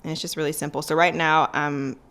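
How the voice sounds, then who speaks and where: A woman's voice: low voice, little pitch movement, brisk, a bit bright. A young woman chatting casually to her viewers in a day-in-the-life vlog, loose and rambling with lots of "um" and "like.". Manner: chatty, loose, with many fillers and "like". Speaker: vlogger and business coach.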